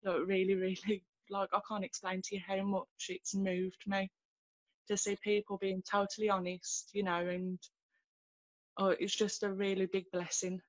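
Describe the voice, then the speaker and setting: A woman, sharing her faith story on a video call from home, earnest and halting with many fillers and restarts. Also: medium pitch, flat delivery, no room sound. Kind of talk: personal testimony in a video call. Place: small room at home, indoors. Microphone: laptop webcam on a video call.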